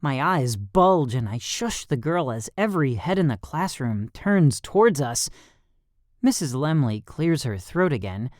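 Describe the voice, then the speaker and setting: An audiobook narrator reading a first-person story in a steady, measured way on a close studio mic. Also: mid-range voice, dry recording.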